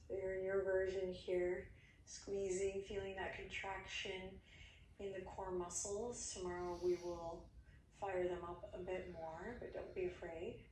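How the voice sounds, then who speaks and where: A woman leading guided yoga instruction, speaking slowly and soothingly, often sinking to soft near-whispers. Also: medium pitch, level tone, slight background noise. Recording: played back from a video, roomy and distant.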